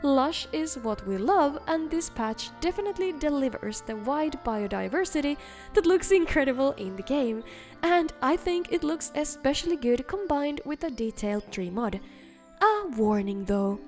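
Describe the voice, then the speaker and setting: Woman hosting a game mod showcase, high voice, scripted narration, faint music behind. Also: big pitch swings, normal speed, darkish tone. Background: faint background music.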